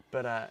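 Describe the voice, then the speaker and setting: A young man co-hosting a podcast, chatting casually and rambling, laughing often. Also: a bit bright. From Australia. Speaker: podcast co-host. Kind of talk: casual chat.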